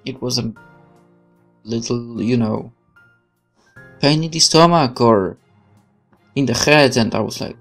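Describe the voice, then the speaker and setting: A man with a medium-pitched voice speaks slowly and pauses often while hosting a let's play. He moves between casual commentary and reading the game's narration aloud, with video game music playing behind him.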